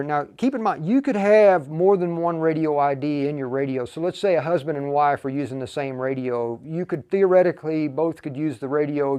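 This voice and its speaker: His voice sits on the high side, slightly mellow, clear and resonant. He is a livestream host casually guiding viewers through a radio programming tutorial one step at a time, thinking aloud as he works.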